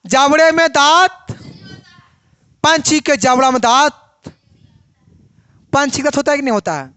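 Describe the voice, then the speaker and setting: A woman's voice: high voice, animated, unhurried, fairly bright tone, no room sound. A woman teacher giving a biology lesson, asking the class questions and then answering them herself.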